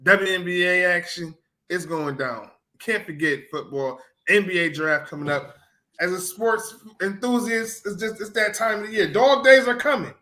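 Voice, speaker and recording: Bright, high-voiced excited man. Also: moderate pace. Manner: emphatic, excited, repeats himself. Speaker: sports show co-host. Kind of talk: casual sports talk.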